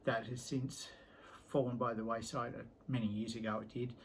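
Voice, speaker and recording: A man's voice: medium pitch, little pitch movement, moderate pace, husky, poor audio. A middle-aged man showing his guitar collection in a casual vlog, talking in an easygoing, rambling way full of ums and trailing-off sentences. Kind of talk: casual show-and-tell vlog.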